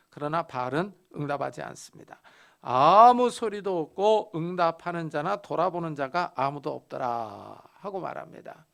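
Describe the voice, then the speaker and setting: A man preaching an expository sermon as a pastor, telling a Bible story with dramatic pauses and emphasis. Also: high voice, creaky, fairly bright tone.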